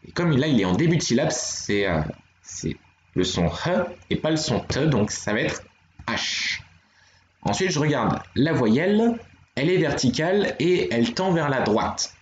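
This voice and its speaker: A man's voice: medium pitch, sing-song, moderate pace, a little hiss or hum. Patient man teaching on a live stream. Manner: patient, explanatory, talks to chat viewers. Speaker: streamer teaching Korean writing. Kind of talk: live-streamed language lesson. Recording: dull, roomy home stream audio.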